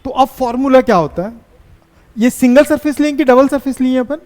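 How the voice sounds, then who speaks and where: A man teaching physics in a classroom, dictating English notes in a Hindi accent, slow and repetitive, and teasing his students with scolds. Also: extremely high pitch, a little mellow, in a large hall. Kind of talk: classroom lecture at a board.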